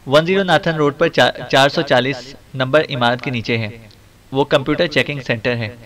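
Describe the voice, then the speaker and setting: A tortured, terrified male crime boss who stammers and pleads, as a man narrating puts him on. His voice sits at a middle pitch. This is an audiobook thriller reading. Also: moderate pace, a bit bright, distant mic, lightly acted. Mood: rattling off.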